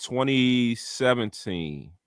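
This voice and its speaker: A man's voice: mid-range voice, expressive, slow pace, no echo, studio quality. A married man co-hosting a casual sports talk show, telling stories in a laid-back way. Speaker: podcast co-host.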